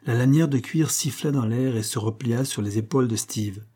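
A man narrating a classic novel in measured, scripted storytelling. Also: mid-range voice, dark tone. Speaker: audiobook narrator.

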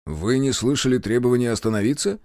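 A man's voice: medium pitch, quick pace, a little mellow, no echo, clean studio sound, voice pushed up, lightly acted. A man doing a curt traffic inspector. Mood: stern. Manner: official, curt. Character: young male traffic inspector, stern.

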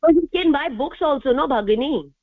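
A woman's voice: high voice, lively intonation, brisk, dry recording. A woman student in a group voice call, reading exercise answers aloud and stopping often to check with the teacher. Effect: heard through a group voice call. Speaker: student in an online language class. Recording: phone-like voice call audio, dry.

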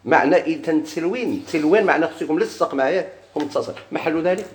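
Fast-talking Moroccan man teaching grammar. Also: a little high, a little hiss or hum. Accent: Moroccan Arabic. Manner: questions students, then answers himself. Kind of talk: classroom lesson explaining grammar. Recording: echoey room.

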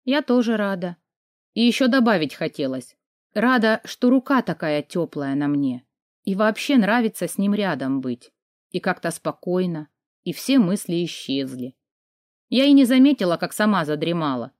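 A woman narrating a first-person romance audiobook in an expressive, intimate way. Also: on the low side, normal speed, no echo, studio quality.

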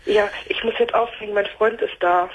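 A woman's voice: medium pitch, steady tone, husky. Hesitant woman caller over the phone. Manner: hesitant, halting speech with restarts. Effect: heard over the phone. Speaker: caller to a radio talk show. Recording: tinny phone line.

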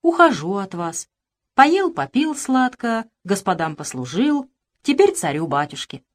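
A woman voicing an old male house serf who speaks gently and humbly with quiet sorrow, in an audiobook. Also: medium pitch, big pitch swings, measured pace. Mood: sad resignation.

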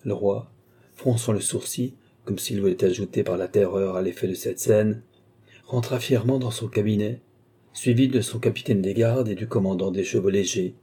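A man reading a classic novel aloud as an audiobook narrator, lifting his pitch to voice the characters' dialogue. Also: fairly even intonation, normal speed, mellow, husky. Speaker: audiobook reader.

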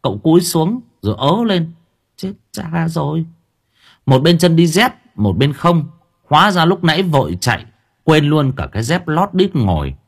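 A man narrates an audiobook in a lively, colloquial way. His voice is husky and a little breathy. His pitch rises and falls freely as he tells the story. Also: normal speed.

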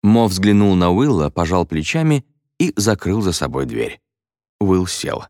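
A man reads a story aloud with expressive, playful delivery. His voice sits very low yet rises and falls in a lively way. The sound is dry and close, with no room echo. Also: measured pace. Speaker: audiobook narrator. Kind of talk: scripted audiobook narration.

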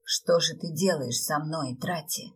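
A woman voicing a gentle, reserved man who soothes a young woman in a soft, hushed way. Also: deep voice, a little slow, breathy edge, far from the mic. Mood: tender, hushed.

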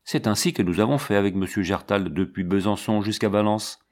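A man voicing a hardworking, steady teenage older brother in a storybook reading, earnest in tone. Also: fairly low pitch, brisk, lightly acted.

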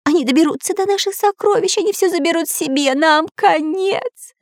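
A woman voicing a jittery male parrot in a shrill, panicky voice. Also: wildly swooping pitch, normal speed, darkish tone, breathy edge, no echo, clean studio sound, exaggerated voice.

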